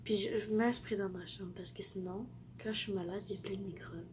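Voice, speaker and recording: A woman's voice: mid-range voice, fairly even intonation, fairly quick, darkish tone, a little hiss or hum. A teenage girl with a Québécois French accent who has the flu, giving rambling tips in a casual vlog and often dropping to a near-whisper. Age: teens. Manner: rambling, self-correcting, drops to near-whispers. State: sick with the flu. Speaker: vlogger.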